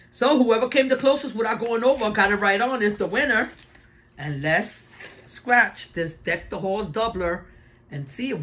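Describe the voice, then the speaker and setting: A woman's voice: medium pitch, a bit bright. A woman hosting casual scratch-card play-along commentary, calling out numbers in short phrases. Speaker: host of a lottery scratch-off channel.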